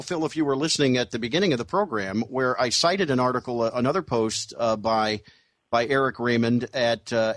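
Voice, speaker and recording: Male radio host, around fifty, mid-pitched, dry studio sound, probing questions with halting restarts. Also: a bit bright, dry recording. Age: 50s. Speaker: radio talk show host. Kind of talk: radio interview.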